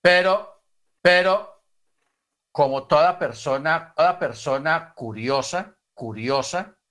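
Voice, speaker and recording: A man's voice: a little high, slow, a bit bright. A man telling a story as a preacher, repeating each phrase with sudden emphatic bursts. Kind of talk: storytelling sermon.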